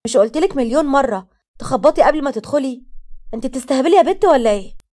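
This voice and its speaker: A woman with an Egyptian Arabic accent reading a dramatic story aloud in a brisk, earnest voice, and speaking the heroine's lines in her own voice. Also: high-pitched, animated, warm tone.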